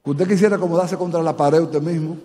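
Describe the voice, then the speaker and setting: Dominican pastor preaching live, high-pitched voice, lots of church echo. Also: male voice, fairly even intonation, fast talker, mellow. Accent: Dominican Spanish. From Dominican Republic. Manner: preaching to a live congregation, asks them questions. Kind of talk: sermon. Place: church sanctuary. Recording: church hall reverb.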